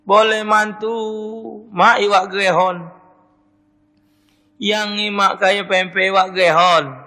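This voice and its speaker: A man's voice: high voice, fairly even intonation, slow pace, pushed and bright, long reverb tail. A man with a Palembang Malay accent, a radio preacher answering listeners' questions and telling folksy stories in local dialect. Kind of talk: radio religious Q&A and storytelling. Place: radio studio.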